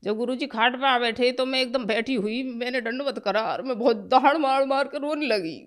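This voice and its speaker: A woman's voice: a little high, moderate pace. A woman giving an earnest, emotional personal testimony in plain colloquial speech.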